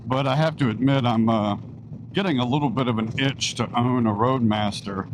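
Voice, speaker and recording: Inside his helmet, a man with a medium-pitched voice talks at a normal speed, chatting casually as he vlogs his motorcycle ride on country back roads. Wind and engine noise come through the helmet mic.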